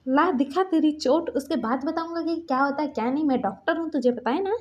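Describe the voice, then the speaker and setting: Woman voicing a blunt young male doctor, brisk scolding, high-pitched, dull lo-fi recording. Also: a little mellow, lightly acted. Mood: bossy scolding.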